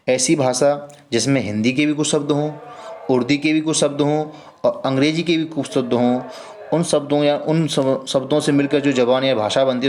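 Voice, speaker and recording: Man teaching an exam-prep lesson. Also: mid-range voice. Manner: explains step by step, often saying "friends"; asks the class questions and answers them himself.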